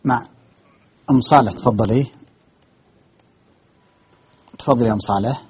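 A man's voice: mid-range voice, moderate pace, husky. A man hosting a religious call-in show, courteous and formal as he greets viewers and takes calls. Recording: dull muffled broadcast audio.

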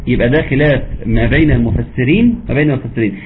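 A man's voice: mid-range voice, animated. Egyptian man teaching Quran recitation over a call. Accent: Egyptian Arabic. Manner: explains rules patiently, then recites verses slowly in a melodic chant. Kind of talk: online tajweed lesson. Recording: tinny phone-line audio with faint background noise.

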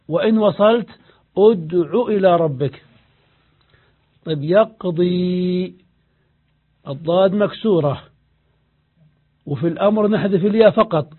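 A high-voiced man gives a patient classroom grammar lesson, repeating each rule and putting questions to his students. The sound is thin and tinny, as if it came down a phone line. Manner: patient, explanatory, repeats key rules and asks the class questions. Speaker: Arabic grammar teacher.

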